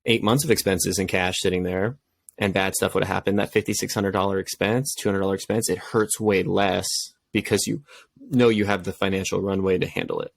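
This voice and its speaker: A man's voice: low voice, steady tone, a little fast, vocal fry, no echo. A young adult man co-hosting a casual podcast, telling his own story in a candid, reflective way. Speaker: podcast co-host.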